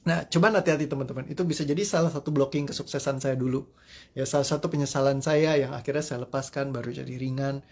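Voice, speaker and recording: A man's voice: medium pitch, steady tone, fast. A man coaching in a live-streamed talk, telling personal stories in a chatty, self-deprecating way and laughing often. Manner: conversational, sprinkles agreement tags. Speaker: motivational coach.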